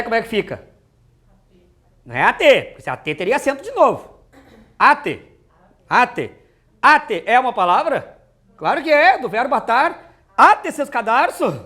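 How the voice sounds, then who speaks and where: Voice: medium pitch, bright, forceful tone. A teacher giving an exam-prep grammar lesson, chatty and full of joking asides and rhetorical questions.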